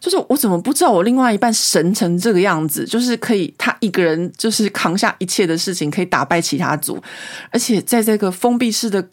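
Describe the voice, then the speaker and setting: A woman, hosting a podcast and telling a story in a casual, animated way. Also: mid-range voice, quick pace. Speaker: podcast host.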